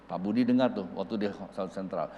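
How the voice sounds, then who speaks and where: A man preaching as a pastor, telling a story with lively shifts of voice as he acts out the dialogue. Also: sits low, fairly quick, highs cut off. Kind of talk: sermon storytelling. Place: large church hall. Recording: reverberant church hall.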